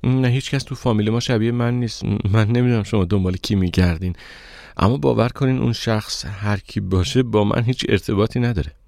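A man's voice: on the low side, vocal fry, darkish tone, no room sound, clean studio sound. A man reading the lines of a polite, guarded young woman narrator in an audiobook, in a plain, slightly hesitant voice. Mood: polite, dismissive.

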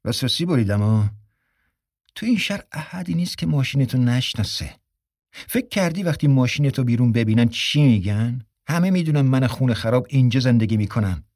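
A man's voice: mid-range voice, lively intonation, a little mellow, no echo. Exasperated sarcastic man read by a male narrator: grumbling, exclaiming, dry audiobook read. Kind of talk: audiobook character reading.

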